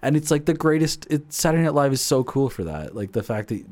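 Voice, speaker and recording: A young man co-hosting a podcast, excitable and swearing in casual chat. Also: medium pitch, a little fast. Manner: excitable, swears, restarts often. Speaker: podcast co-host.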